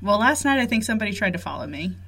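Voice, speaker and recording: A woman's voice: mid-range voice, very animated, rapid-fire, fairly bright tone, husky. Playful woman podcasting from under blankets. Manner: playful, self-deprecating banter. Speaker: podcast co-host. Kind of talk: casual joking podcast chat. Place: small blanket fort indoors, recorded under blankets.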